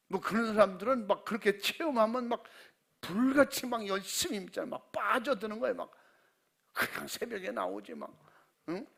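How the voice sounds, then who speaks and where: A male pastor delivers a Wednesday evening sermon in church. His voice sits fairly high and has a gravelly edge. He tells folksy, humorous stories and acts out his members' prayers in hushed tones.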